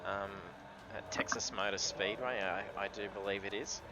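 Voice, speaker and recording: A man's voice: lowish voice, fairly even intonation, moderate pace, crowd noise, rough recording. An Australian man working as a race commentator and interviewer on a live sim racing broadcast. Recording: clear car noise behind. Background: vehicle noise.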